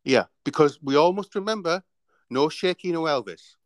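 A man's voice: fairly high pitch, lively intonation, normal speed, no room sound. A man hosting a casual radio chat show, playful and laughing, running a quiz segment. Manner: playful, laughing, mimics customers. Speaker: host.

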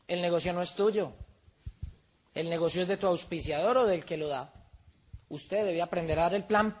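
A man giving a motivational seminar talk, firing rhetorical questions at his audience. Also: sits high. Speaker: seminar speaker.

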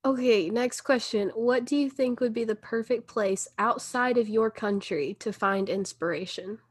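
A woman's voice: on the high side, moderate pace. A woman in her twenties co-hosting a casual podcast Q&A, thoughtful and a bit hesitant, with plenty of ums and likes. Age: 20s. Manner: thoughtful, hesitant, lots of fillers like "um" and "like". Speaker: podcast co-host. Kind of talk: casual Q&A chat.

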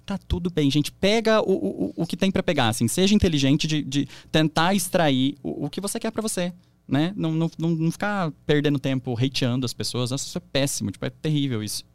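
A man's voice: a little high, fast, dry recording. A young adult man with a Brazilian Portuguese accent, chatting as a podcast guest and telling stories with lots of fillers and restarts. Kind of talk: casual interview chat.

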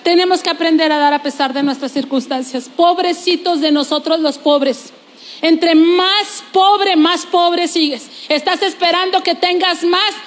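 Woman pastor, very high voice, lively sermon, long church-hall reverb. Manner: lively preaching with testimony and playful asides.

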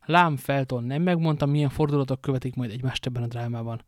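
A man's voice: mid-range voice, steady tone, no echo, lightly acted. A middle-aged baron gloats with mocking sarcasm, put on by a male reader. His voice rises above the narration, smug and theatrical. The recording is dry and close. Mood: gloating.

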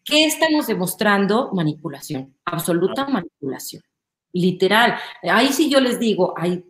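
A woman with a Mexican accent talks in a lively, explanatory way as an interview guest, often checking in with "¿no?". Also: mid-range voice, moderate pace. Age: adult, a mother. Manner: animated, explanatory, often asks "¿no?". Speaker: guest, image consultant. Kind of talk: conversational interview. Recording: roomy echo.

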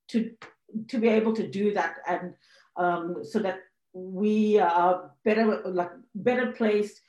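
A woman's voice: medium pitch, reverberant, low-quality recording. A woman from Sri Lanka moderating a panel discussion, speaking hesitantly with many fillers and restarts.

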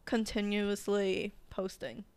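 A woman's voice: medium pitch, level tone, slow pace, darkish tone, clear, resonant tone, dry recording. A young woman co-hosting a podcast, chatting casually and giggling often. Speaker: podcast co-host. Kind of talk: casual chat.

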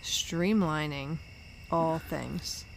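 A woman's voice: sits low, drawn-out words, vocal fry, a little hiss or hum, low-quality recording. A woman hosting a podcast in casual conversation, recorded outdoors in a backyard. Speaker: podcast host.

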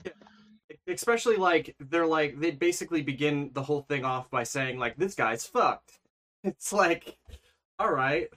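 A man on a podcast, a guest sharing his take on a film, who stumbles and restarts as he works out his point. His voice sits a little high and sounds bright and forward. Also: normal speed. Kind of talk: casual movie review chat.

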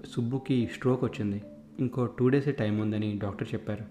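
A man voicing a determined man on a search, asking pressing questions in a low, dark voice. The voice sits in an echoing room with faint music behind. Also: steady tone, fast, natural voice. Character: determined middle-aged man searching for someone.

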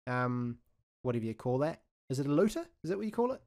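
A man's voice: medium pitch, big pitch swings, quick pace, a little mellow. A man co-hosting a casual gaming podcast, talking in a chatty way with frequent ums and restarts. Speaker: podcast co-host.

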